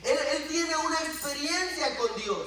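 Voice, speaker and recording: High-voiced preaching man in an echoey church. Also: measured pace. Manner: animated preaching, acting out dialogue with rising and falling voice. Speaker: pastor. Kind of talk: sermon. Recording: echoey church room, distant mic.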